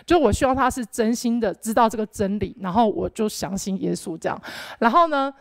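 A young woman gives a rambling, animated personal faith testimony, full of filler words. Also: on the high side, brisk, creaky, no echo. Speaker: church member giving testimony.

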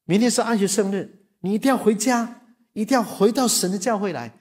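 A man's voice: high-pitched, fairly quick, a little mellow, pitched above the performer's own voice, lightly acted. A man playing a stern preacher who urges a lapsed church member to come back, speaking in a raised, earnest, pleading way. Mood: stern, urging.

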